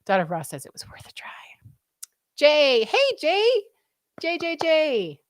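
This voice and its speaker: Hosting a live stream, this scratchy-voiced woman speaks high with huge pitch swings at a measured pace, chatting in a rambling way and reading out comments from viewers. It's clean studio sound without echo.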